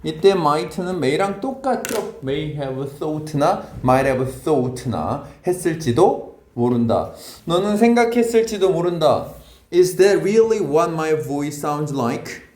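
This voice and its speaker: A man teaching an English grammar lesson in a classroom, quizzing his students in a brisk way and switching between Korean and English. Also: a little high, sing-song, darkish tone, roomy sound.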